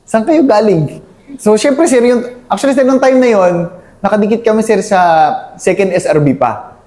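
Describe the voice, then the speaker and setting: A man's voice: sits high, moderate pace, darkish tone. A young Filipino army captain being interviewed, recounting his service in a deferential, hesitant way and calling the interviewer "sir" in nearly every line. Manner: deferential, says "sir" constantly, hesitant with many fillers.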